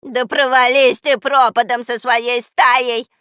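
A woman voicing a furious old storybook witch who shrieks and shouts her lines. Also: high-pitched, expressive, a little slow, no echo, studio quality, voice pushed up, exaggerated voice. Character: furious old witch Baba Yaga, snarling. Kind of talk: audiobook character voice.

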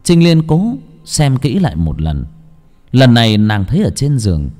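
A man narrating an audiobook in an expressive storytelling manner. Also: mid-range voice, moderate pace, faint music behind. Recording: long hall reverb.

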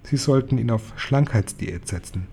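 A man voicing a firm, brisk old grandmother in a storybook reading. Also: mid-range voice, gravelly, mellow, breathy edge.

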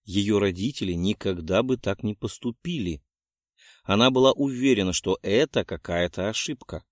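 A man narrating a fantasy audiobook in an expressive way. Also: mid-range voice, no echo, studio quality. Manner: expressive, animated.

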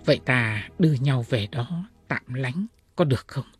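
A woman voicing a poor young scholar who speaks softly and anxiously. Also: extremely low pitch, animated, measured pace, breathy edge, soft background music, heavily acted. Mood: troubled.

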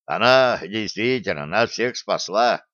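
A man's voice: lowish voice, expressive, unhurried, a bit bright, no room sound. A man voicing a careful, mild-mannered male ship mechanic, in a dull lo-fi audiobook recording. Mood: cautious.

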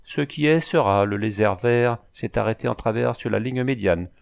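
A man's voice: medium pitch, moderate pace, gravelly, close to an everyday voice. A man voicing an old sorceress who speaks in solemn, cryptic riddles. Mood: oracular. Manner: solemn, oracular speech in riddles.

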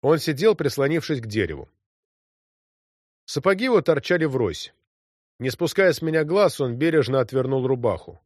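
A man's voice: medium pitch, big pitch swings, normal speed, long pauses, dry recording, clean studio sound. A man reading an audiobook story with vivid, dramatic narration.

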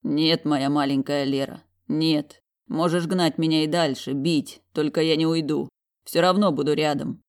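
A woman voicing a commanding, possessive male dragon general in an audiobook, stubborn and low, tender when he is close. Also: fairly even intonation, unhurried. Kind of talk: audiobook reading.

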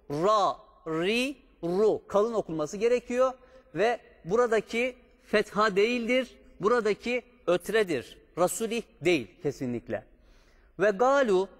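Male recitation teacher, high-pitched, unhurried, patient pronunciation drills, reverberant sound. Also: fairly bright tone. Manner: slow, patient, drawn-out chanted recitation of examples. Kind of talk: step-by-step pronunciation lesson.

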